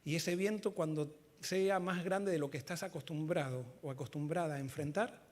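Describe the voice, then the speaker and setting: A male pastor preaching a sermon with fervor, swinging between loud emphatic lines and quiet low ones. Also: moderate pace.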